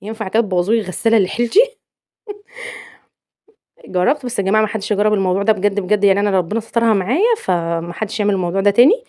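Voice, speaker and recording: A woman's voice: medium pitch, very fast, pauses often, mellow. A young Egyptian woman with an Egyptian accent narrating her cooking vlog, playful and teasing, repeating words for emphasis. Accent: Egyptian Arabic. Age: young adult. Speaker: cooking vlogger. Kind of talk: chatty home cooking vlog voice-over.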